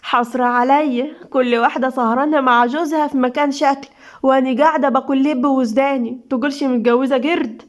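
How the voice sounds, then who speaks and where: A pouty, childlike young Egyptian wife whining at her husband, as a woman storyteller puts her on. Pitched above the narration. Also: steady tone, fast, natural voice. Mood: sulky. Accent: Egyptian Arabic. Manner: sulky, whiny.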